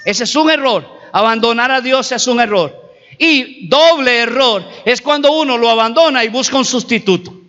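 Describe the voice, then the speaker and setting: A man's voice: very high-pitched, lively intonation, normal speed, sharp tone. A man preaching a sermon as pastor, emphatic, repeating and stretching key words. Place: church hall. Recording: reverberant hall, dull lo-fi recording.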